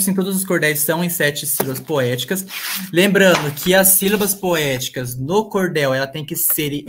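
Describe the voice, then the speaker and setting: Halting male professor lecturing online. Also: a little high, fairly bright tone. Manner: hesitant, full of fillers and restarts. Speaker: literature professor.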